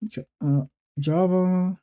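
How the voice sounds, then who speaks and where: A man's voice: high voice, fairly even intonation, takes it slowly, highs cut off. A man casually talks through setting up his code editor, thinking aloud with fillers and self-corrections. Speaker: YouTuber walking through a code editor setup. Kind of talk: casual screen-recording tutorial.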